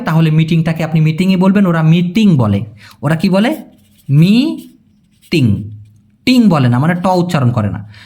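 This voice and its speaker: A man gives a casual language lesson in a high, slightly mellow voice whose pitch swings widely as he explains. He patiently and slowly repeats phrases, making sure his viewers keep up.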